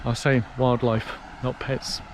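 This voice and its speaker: Strolling a canal path outdoors, a British man tells stories to his viewers in a chatty walk-and-talk vlog. His medium-pitched voice is flat and a little slow. Faint traffic and outdoor ambience run underneath.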